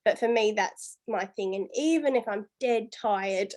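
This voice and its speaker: A woman's voice: medium pitch, measured pace, a little mellow. A woman leading her business team, giving a chatty, upbeat motivational talk full of "you know" and "guys". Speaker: business team leader and coach.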